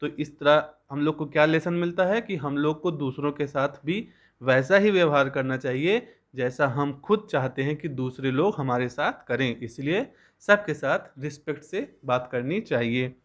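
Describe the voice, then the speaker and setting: A young male teacher gives a school lesson in a slightly high voice. He reads each English line slowly before explaining it at length.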